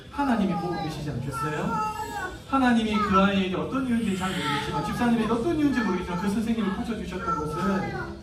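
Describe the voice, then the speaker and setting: A man preaching a lively sermon as pastor, acting out parents and teachers as he goes. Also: high-pitched, echoey room, distant mic, heavy background noise. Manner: animated, acts out parents and teachers in quoted voices. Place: church hall.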